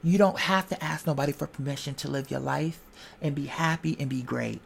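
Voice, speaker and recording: Deep, creaky, and slightly rough, this woman's voice moves a little fast. She's a video creator offering an informal motivational monologue, full of slang and insistent, sermon-like repetition.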